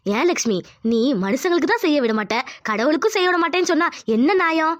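A woman voicing a calm inner conscience spirit in a cartoon, soothing and reasoning gently, lower than her other figure. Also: fast talker.

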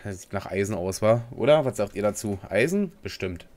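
A man's voice: on the low side, animated, a little fast, darkish tone. A young man giving casual, rambling commentary as he plays a game, slangy and talking to himself. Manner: rambling and slangy, talks to himself while playing. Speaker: gaming video host. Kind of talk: casual let's play commentary.

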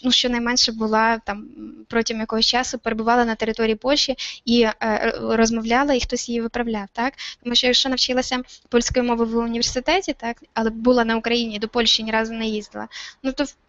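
Brief: woman from Ukraine, fairly high voice, halting with fillers, muffled lo-fi recording. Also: fairly bright tone, no echo. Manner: hesitant, many fillers and restarts. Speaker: interview guest. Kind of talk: casual explaining talk. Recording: dull, lo-fi, dry sound.

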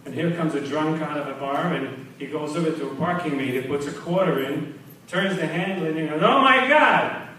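A man rattles off one joke after another at an open mic night and jumps up in pitch for each punchline. He sits far from the mic in a very echoey small club. A faint hiss runs under his voice. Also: a little fast. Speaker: stand-up comedian.

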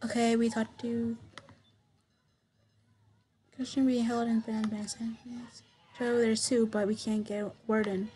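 Young woman streamer, high-pitched and unhurried, stammering read-aloud of game text with excited spikes. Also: slight background noise. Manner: stammering, repeats words, reads dialogue with sudden excited bursts. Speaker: gameplay streamer. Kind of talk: reading visual novel text aloud with commentary.

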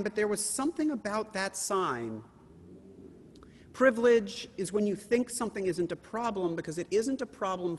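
A man with a notably high voice delivers a sermon as a rabbi. He speaks in measured phrases and slows down to stress key words. His voice trails off into the long reverb of a large hall.

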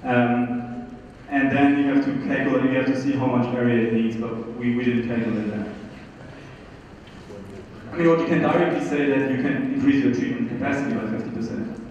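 A man in his thirties giving a technical presentation and answers at a conference, with halting phrasing, on a handheld microphone. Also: mid-range voice, darkish tone, far from the mic. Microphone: handheld microphone through hall PA. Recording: muffled, very echoey hall, faint noise.

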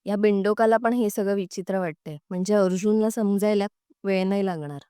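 A woman reading the lines of a haughty, sharp-tongued young wife in a serial recap. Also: mid-range voice, a little fast, clean tone, no echo, studio quality, natural voice. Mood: plotting. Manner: rude, scolding.

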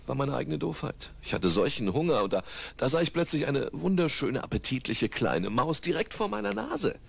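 A man's voice: mid-range voice, very animated, normal speed, creaky, breathy edge, pitched above the performer's own voice, exaggerated voice. A man voicing a scruffy, cocky male street tomcat in a storybook audiobook, laid-back and teasing.

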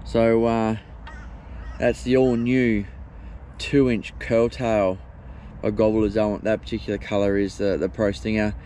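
A middle-aged Australian fishing vlogger with a fairly low voice chats about fishing in a relaxed, unhurried way, using plenty of fillers. He's outdoors on a lake shore, filmed on a head-mounted action camera, with wind and water noise in the background.

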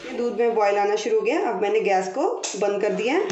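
A woman with a medium-pitched, dark voice, heard through a muffled recording, guides her cooking-channel audience through a recipe step by step. She speaks unhurriedly and repeats each step patiently. The sound is roomy and distant, with faint music, in a home kitchen.

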